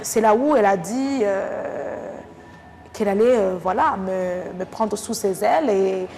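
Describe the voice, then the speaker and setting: A woman with a Rwandan French accent speaks in a mid-range, dark-toned voice at a measured pace. She is a French language teacher being interviewed, and she answers reflectively with hesitant phrasing. The recording is noisy, with the long reverb of an echoing hall.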